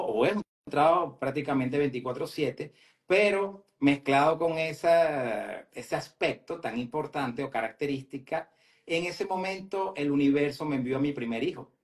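Earnest man, motivational guest. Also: a little high. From Venezuela. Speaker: guest entrepreneur. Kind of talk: live interview conversation.

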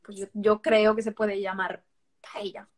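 A woman from Barcelona, Spain, a vegan author appearing as a podcast guest, speaks frankly in a casual conversation and often restarts words. Her mid-range voice is level, unhurried, and a little mellow.

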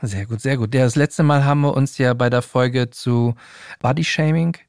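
A man's voice: medium pitch, normal speed, creaky, a little mellow, clean tone, dry recording, studio quality. A man hosting a podcast, chatting in a friendly way and speaking straight to his listeners. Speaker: podcast host. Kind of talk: casual podcast interview.

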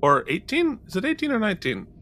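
A man with a high, bright voice co-hosts a relaxed review podcast. His pitch swings widely as he jokes, reads out comments and laughs often. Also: quick pace. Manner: animated and jokey, laughing often. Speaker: podcast co-host. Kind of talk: casual chat.

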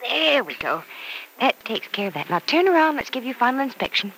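An actress playing a kindly, reassuring aunt, gentle and indulgent, in an old-time radio soap. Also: female voice, on the high side, sing-song, brisk, husky, full character voice. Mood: fond, indulgent. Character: kindly, reassuring aunt fond of a little girl. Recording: noisy vintage radio recording.

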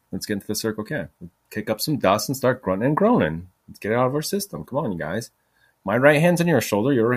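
A podcast host in his forties tells a long, meandering story in a loose, chatty style, his voice slightly low. He swears, keeps laughing at himself, and wanders off topic.

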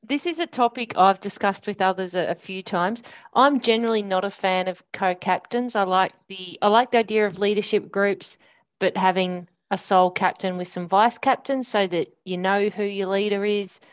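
Australian woman, podcast co-host, measured, thoughtful and hesitant. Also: mid-range voice, clear, resonant tone. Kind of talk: casual podcast chat.

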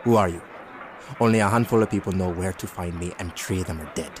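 An actor playing an old retired field agent of the sea, gruff and folksy with old-fashioned phrasing, in an audio drama. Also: male voice, deep voice, fast talker, lightly acted. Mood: gruff, wary. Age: older. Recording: clear outdoor dockside noise behind.

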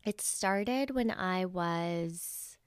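Podcast guest, thirties, woman from El Salvador: low, gentle and reflective, recorded dry and close. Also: very slow, clear, resonant tone, no echo. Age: 30s. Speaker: podcast guest, wellness practitioner. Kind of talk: casual conversation.

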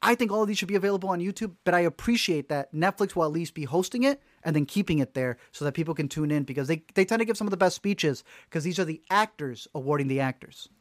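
A man co-hosting a relaxed movie podcast, talking in an animated, joking way with quick asides. His voice sits a little high for a man. The sound is dry and close, with no room echo. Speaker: podcast co-host. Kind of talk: casual movie-news chat.

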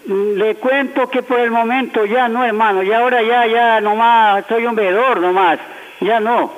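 A man's voice: very high-pitched, fairly even intonation, measured pace. A man calling in to a radio show over the phone, talking in a chatty, frank, rambling way. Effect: heard over a phone line. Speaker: radio call-in listener. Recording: tinny phone line with faint noise.

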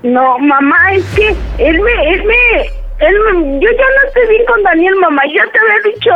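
A woman's voice: very high-pitched, lively intonation, moderate pace, narrow, tinny audio. A woman playing a flustered young wife in a radio prank, pleading and scolding. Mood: confessing. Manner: pleading, scolding, talking over others.

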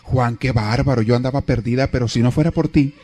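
A man voicing an adult wife, urging her husband to ask for directions, in a raised higher voice. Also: brisk, darkish tone, slight background noise, lightly acted. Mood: flattering. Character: nagging wife giving directions, adult woman.

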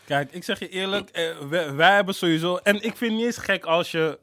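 A man's voice: sits high, fairly quick, bright, forceful tone, dry recording, clean studio sound. A young man chatting casually in urban Dutch street slang mixed with English words, as a podcast co-host. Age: young adult. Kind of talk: casual chat.

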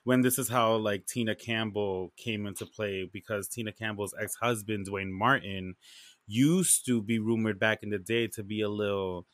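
A man co-hosting a podcast, chatting in a slangy, expressive, casual way. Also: on the low side, normal speed, no room sound, clean studio sound. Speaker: podcast co-host. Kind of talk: casual chat.

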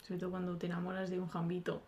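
Fast-talking blunt young Spanish woman. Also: fairly low pitch, a little hiss or hum. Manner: excitable, blunt, swears freely. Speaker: podcast co-host. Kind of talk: casual chat.

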